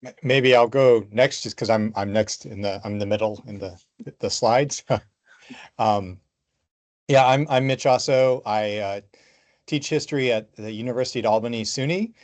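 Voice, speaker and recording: A man who is a history professor, introducing himself in a relaxed way with many fillers during an online information session over a video call. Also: mid-range voice, moderate pace.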